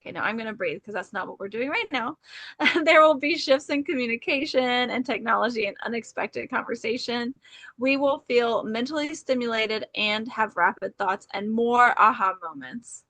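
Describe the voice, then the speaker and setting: Chatting casually on an astrology podcast she co-hosts, this woman is bubbly and talkative, leaning heavily on "like" and "okay." Her voice sits on the high side, pushed and bright, at a moderate pace, with no echo.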